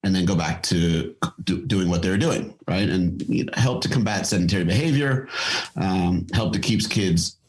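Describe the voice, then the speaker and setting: A middle-aged man who founded a fitness company talks as a podcast guest in a low, darkish voice at a moderate pace. His casual interview talk is thoughtful but full of fillers and restarts, and the recording is rough.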